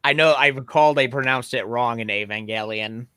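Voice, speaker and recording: A man guest on a casual online podcast who explains things in a careful, measured way. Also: mid-range voice, pushed and bright.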